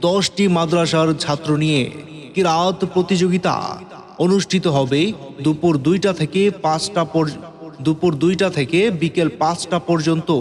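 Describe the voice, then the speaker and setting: A man with a Bangladeshi accent reads a formal scripted announcement for a religious gathering in a declamatory, drawn-out, chanting delivery. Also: fairly high pitch. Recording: long echoing reverb, music behind.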